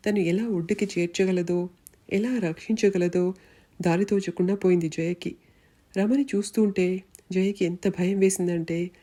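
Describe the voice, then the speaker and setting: A woman narrating a novel in a steady, measured reading voice. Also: medium pitch. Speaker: audiobook narrator. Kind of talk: storytelling narration.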